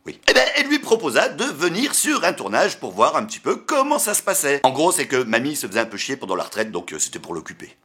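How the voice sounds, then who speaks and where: A man tells a story and talks straight to his viewers in a loose, playful vlog. His voice is bright, a little husky, and very lively in pitch. His humor is irreverent and cheeky. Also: fast talker, hardly any pauses. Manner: animated, chatty delivery addressing the viewer. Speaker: YouTuber vlogger.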